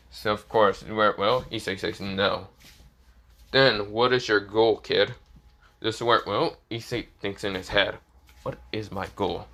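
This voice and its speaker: A man's voice: lowish voice, sharp tone. A man improvising a fan story aloud, rambling and leaning on the same filler phrases. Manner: rambling, repeats "this is where, well".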